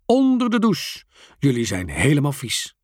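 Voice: huge pitch swings, unhurried, no echo, studio quality. A storyteller voicing a boy's father in a children's storybook, a grown man who bellows and grumbles. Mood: jolly. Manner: booming, grumbling. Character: gruff grown-up father, bellowing then jolly.

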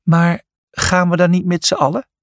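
A man's voice: on the high side, big pitch swings, a little slow, gravelly, no room sound, studio quality, pitched above the performer's own voice, full character voice. A man voicing Julius, a young hoofed animal who is nervous and hesitant, stammering as he speaks in a storybook reading.

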